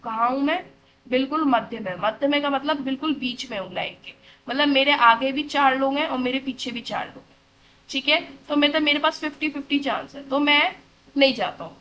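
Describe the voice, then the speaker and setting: Teaching a classroom lesson for children, a woman uses a high-pitched, sharp voice on a rough recording with slight background noise. She fondly addresses them as "beta," asks questions only to answer them herself, and checks they follow by saying "theek hai."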